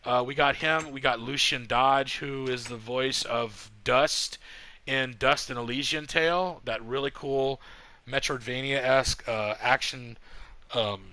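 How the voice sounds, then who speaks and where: A man in the middle of his range tells a story with lots of swearing, swinging between heated retellings and mumbled asides. His voice is bright and forward. The sound is dry and close, like a home setup. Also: medium pitch, measured pace, dry recording. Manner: profane, animated, quotes others heatedly. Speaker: podcast host telling a story while playing a game. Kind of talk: casual storytelling.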